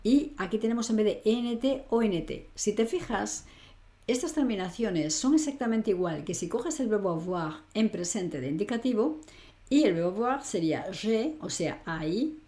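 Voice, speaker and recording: Woman, language teacher, mellow warm tone, patient step-by-step explaining, online lesson. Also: medium pitch. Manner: patient explaining, often checks with "¿vale?".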